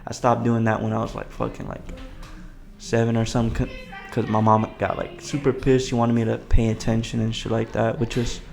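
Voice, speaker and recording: A young man in a casual podcast chat, his voice thick with vocal fry and gravel. He sits at a medium pitch and talks in loose, sweary slang. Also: completely flat delivery, fairly quick, darkish tone, soft background music. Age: young adult.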